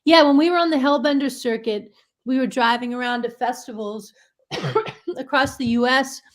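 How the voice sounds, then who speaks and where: A woman's voice: high voice, moderate pace. A woman filmmaker as a podcast guest, telling stories in a rambling way full of restarts and fillers. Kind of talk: casual interview chat.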